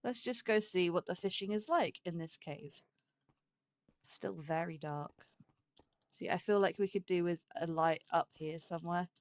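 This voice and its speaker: This woman speaks on the low side and in no hurry. Hosting a let's play, she keeps up friendly, casual chatter, thinks aloud, and chats with the animals on screen.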